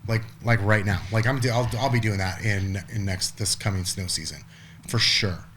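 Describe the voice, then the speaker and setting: A man's voice: fairly low pitch, normal speed, fairly bright tone, slight background noise. A man in his forties, a podcast guest, talking casually in a rambling way with lots of restarts and the odd swear word. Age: 40s. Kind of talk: casual conversation.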